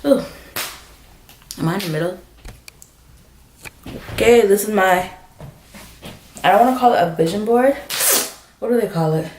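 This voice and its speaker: A young woman vlogging about her hair in a quick, bubbly, self-aware and rambling way. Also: mid-range voice, a little mellow, slight background noise. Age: young adult. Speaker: beauty vlogger. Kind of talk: casual chatty vlog. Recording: roomy echo.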